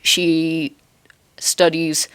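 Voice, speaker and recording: A woman's voice: low-pitched, level tone, very slow, fairly bright tone, clean tone. A young woman hosting a casual interview chat, with a playful, mock-formal, dryly joking way of talking. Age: young adult. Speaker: host.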